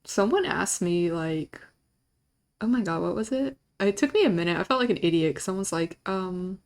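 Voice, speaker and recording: A woman's voice: lowish voice, expressive, moderate pace, darkish tone. A young adult woman streamer casually chatting with her viewers, laid-back and often breaking into giggles. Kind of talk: casual live-stream chat.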